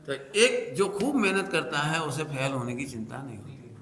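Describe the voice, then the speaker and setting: Male preacher, slightly high voice, teaching a congregation with playful acted examples, echoey hall. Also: big pitch swings, normal speed, fairly bright tone. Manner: playful teacher, acts out examples, sings short lines. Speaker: Jain preacher.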